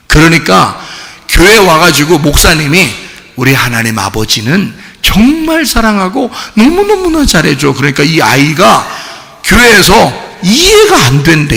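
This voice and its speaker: A male pastor preaching a sermon in a church, animated and acting out the voices he quotes. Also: a little high, vocal fry. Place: church sanctuary. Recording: reverberant church hall with faint noise.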